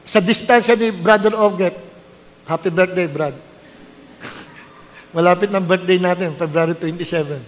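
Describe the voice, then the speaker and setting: A man's voice: high voice, measured pace, long pauses, big-room sound. A middle-aged man, a pastor, preaching a sermon and telling his story with animation, mixing English into his talk.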